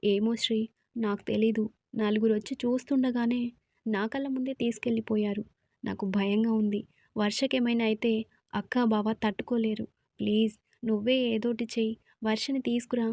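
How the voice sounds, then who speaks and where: A woman's voice: mid-range voice, fairly even intonation, moderate pace, warm tone, no echo, close to an everyday voice. Woman voicing a frightened, pleading young woman. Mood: tearful. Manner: pleading, tearful.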